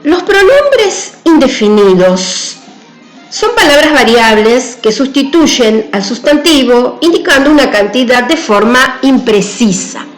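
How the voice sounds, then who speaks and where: A woman's voice: sits high, very animated, unhurried, reverberant, soft background music, rough recording. A woman teacher giving a grammar lesson, patient and careful, often checking in with her students. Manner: patient, repeats key points with "¿sí?".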